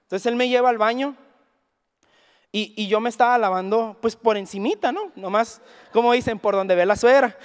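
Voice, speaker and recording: Man, Mexican Spanish accent, preacher, high-pitched, animated storytelling, reverberant hall. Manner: animated storyteller, acts out quoted dialogue. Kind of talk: sermon with storytelling. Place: church hall.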